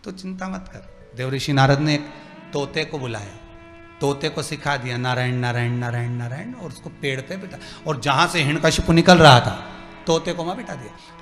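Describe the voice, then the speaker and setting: Male preacher, fairly high, bright voice, live sermon in a reverberant hall with music under it. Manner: animated, acts out dialogue and asks the crowd questions. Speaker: religious storyteller. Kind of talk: devotional sermon with storytelling.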